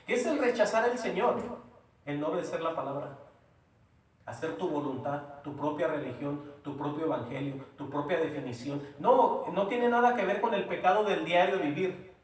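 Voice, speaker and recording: A man's voice: on the high side, normal speed. A man preaching a sermon in a church, emphatic and repetitive, often asking rhetorical questions. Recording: very echoey room, voice from far off.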